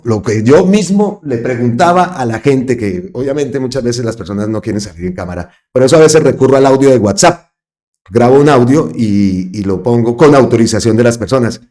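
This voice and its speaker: A man's voice: medium pitch, darkish tone. A man hosting his own political commentary channel, talking emphatically and repeating phrases for stress. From Colombia. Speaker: host of an online political channel.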